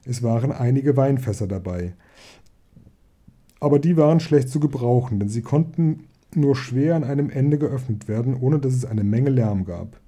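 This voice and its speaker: A man reading a children's fantasy book aloud in a calm, even storytelling voice. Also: mid-range voice, normal speed. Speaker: audiobook reader.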